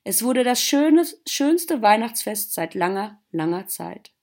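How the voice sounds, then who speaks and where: A woman teacher reading a story aloud to her class in a gentle storytelling manner. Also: mid-range voice, sing-song, slow. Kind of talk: storybook narration.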